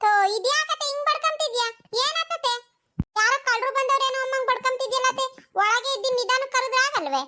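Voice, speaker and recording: Cartoon young village wife, voiced by a performer, sassy, talks back, squeaky high voice. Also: quick pace, pushed and bright, slight background noise, heavily acted. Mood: protesting. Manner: cheeky and dismissive. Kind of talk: cartoon voice acting.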